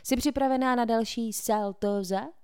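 A woman voicing a cocky, short teenage boy who talks in a pushy, showy way and puts on a bright vlogger tone. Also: on the high side, animated, clear, resonant tone, voice pushed up.

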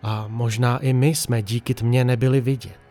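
A man's voice: mid-range voice, steady tone, mellow, faint music behind. Man narrating a tense horror story.

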